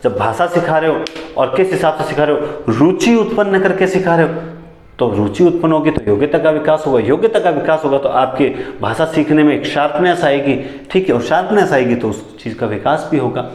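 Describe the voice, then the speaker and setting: A man teaching a lesson, who repeats key phrases back as questions and sometimes talks fast enough that his words tangle. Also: fairly high pitch, lively intonation, darkish tone, echoey room. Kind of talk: classroom lecture on teaching methods.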